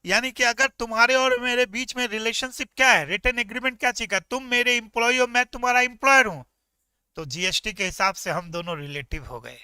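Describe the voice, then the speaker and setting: A male tax teacher giving an energetic, joking classroom lecture, talking straight to his students. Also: very high-pitched, a little fast, smooth, no room sound.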